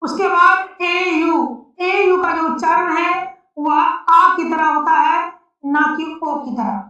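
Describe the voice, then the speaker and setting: A woman teaching an English pronunciation lesson, spelling out letters slowly and repeating each word. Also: very high voice, fairly even intonation, sharp tone. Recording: echoey, distant, dull lo-fi sound.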